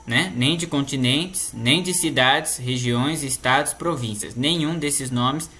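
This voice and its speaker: A Spanish teacher with a Brazilian Portuguese accent walks through a grammar lesson slowly and patiently, frequently checking that the listener is following. His medium-pitched voice sounds pushed and bright, and he tends to end sentences with "né?".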